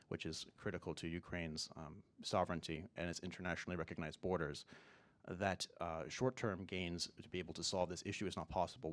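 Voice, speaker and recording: A man's voice: low-pitched, no room sound. A young adult man, a student competitor, giving a formal answer to a question.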